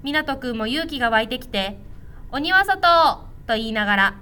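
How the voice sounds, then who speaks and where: High, bright woman reading a storybook. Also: a little fast. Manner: gentle, clear and instructive.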